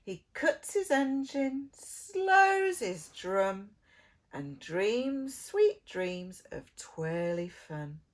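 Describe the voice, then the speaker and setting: Reading a picture book to little ones, this woman plays the dramatic preschool storyteller, elongating words and lowering into soft whispers. Her voice is mid-range, and she draws her words out.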